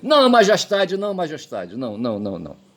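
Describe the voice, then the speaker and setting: A man's voice: high voice, animated, a little fast, voice pushed up. A man voicing a frantic young mother who begs over and over. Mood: pleading. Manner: pleading, repeating herself.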